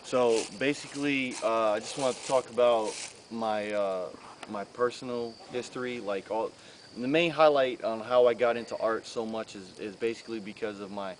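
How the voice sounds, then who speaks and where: A man's voice: lowish voice, normal speed, roomy sound, a little hiss or hum, poor audio. A man in his thirties from the Bronx, a graffiti artist chatting in a casual interview, rambling with many fillers. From the Bronx, New York. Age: 30s. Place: outdoors.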